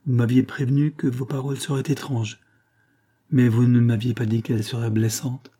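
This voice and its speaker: A man's voice: mid-range voice, little pitch movement, normal speed, dark tone, husky, lightly acted. A man voicing a proud, wounded young woman in an audiobook reading, speaking firmly and with dignity. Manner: firm, dignified, pleading at times.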